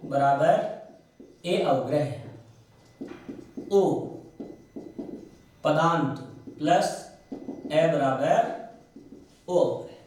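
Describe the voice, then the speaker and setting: A man's voice: sits high, a little mellow. A man with a Rajasthani Hindi accent teaching Sanskrit grammar in a classroom lecture, posing questions to himself and answering them, stretching out key sounds. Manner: asks and answers his own questions, slows on key sounds. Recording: very echoey room, mic far off.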